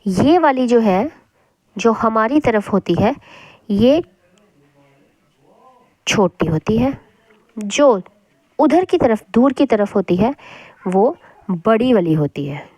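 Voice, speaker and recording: Slow, high-voiced woman teaching spelling. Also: expressive, a little mellow, dry recording. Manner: patient, repeats words slowly to show sounds. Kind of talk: classroom lesson on spelling.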